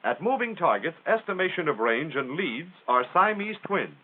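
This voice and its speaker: Narrating a 1940s military training film, an American man speaks in a plain-spoken, instructional way with folksy turns of phrase. His voice is on the high side and sing-song, at a moderate pace. The audio has the tinny, band-limited quality of a 1940s film soundtrack.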